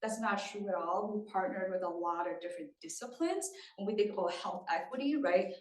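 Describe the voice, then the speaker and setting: A woman from Thailand gives an engaging, conversational presentation at a community meeting, frequently checking in with her listeners. Her mid-range voice has lively intonation and a slightly fast pace, and a distant mic gives the audio a roomy sound.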